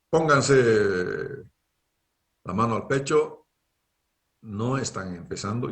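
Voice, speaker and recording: This is an online university engineering lecture by a middle-aged Bolivian Spanish speaker on a video call, peppered with rhetorical "¿no es cierto?" tags. His gravelly voice sits low, and the recording sounds roomy.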